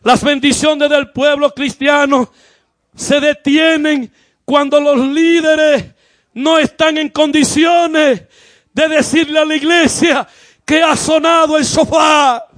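A man preaching a fervent sermon as pastor, often shouting and repeating his calls to the congregation. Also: very high-pitched, fairly even intonation, slow pace, dry recording, clean studio sound. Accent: Caribbean Spanish.

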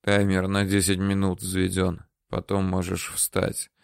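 Menacing hard man interrogating, curt and slow, dry close sound, as a reader voices him. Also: completely flat delivery, creaky, clean tone, no room sound. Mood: cold. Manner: curt, threatening, slow and low. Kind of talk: audiobook character voice.

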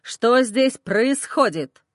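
A woman's voice: mid-range voice, expressive, normal speed, no echo, studio quality, voice pushed down, natural voice. A woman voicing a stern, commanding man in an audiobook, speaking in a harsh, metallic tone. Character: stern commanding man, protective older brother.

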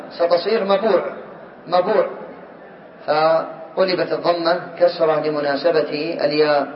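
A man teaching a class, quizzing his students and calling on them, slowly repeating key words. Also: fairly high pitch. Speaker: teacher of Arabic morphology. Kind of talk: classroom lecture. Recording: distant, roomy, dull lo-fi recording.

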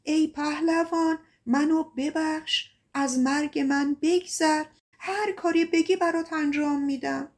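A woman's voice: high-pitched, steady tone, pitched above the performer's own voice. A woman voicing a defeated giant demon in a folk tale, begging tearfully in a raised voice.

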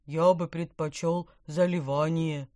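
A woman's voice: sits low, steady tone, unhurried, a little mellow, no room sound. A woman reading a storybook, voicing a cheeky, fat male carp who gurgles dry asides.

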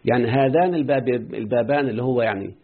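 A man with an Egyptian accent gives a quick classroom grammar lesson, repeatedly asking his students whether they understand. His voice is husky and breathy, and it comes through a narrow, phone-like recording. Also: mid-range voice. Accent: Egyptian Arabic. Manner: quizzes students often with rhetorical questions. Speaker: Arabic grammar teacher. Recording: muffled phone-like lo-fi audio.

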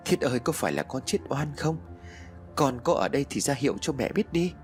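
A man's voice: medium pitch, very animated, fairly quick, faint music behind, lightly acted. Man voicing a grieving village mother. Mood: wailing. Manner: wailing, pleading. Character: grieving village mother, wailing for her dead son.

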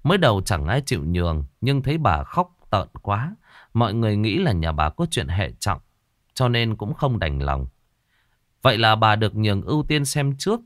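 A man's voice: on the low side, sing-song, normal speed, no echo, studio quality. A man narrating a ghost story in a dramatic storytelling style.

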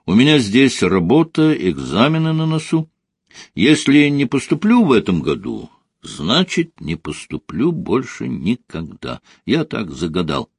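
A man's voice: medium pitch, very animated, a little slow, husky, dry recording, studio quality, pitched above the performer's own voice, full character voice. A man voicing a playful, somewhat awkward young man in a read story, talking in a teasing, offhand way. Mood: earnest.

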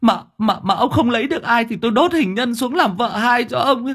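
A shrill wailing old widow. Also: male voice, lively intonation, rapid-fire, mellow, husky, heavily acted. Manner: shrill sobbing lament, stammering repeats. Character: old village widow wailing over her husband's coffin.

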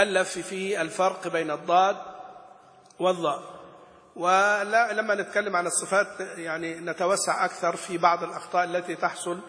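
Bright-voiced male teacher in an echoey hall. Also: high voice. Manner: demonstrates letter sounds aloud and chants quoted verses; poses questions to students and answers them himself. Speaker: Quran recitation teacher. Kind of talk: explaining a classical recitation poem in a lesson. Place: Gulf region. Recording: echoey room with long reverb.

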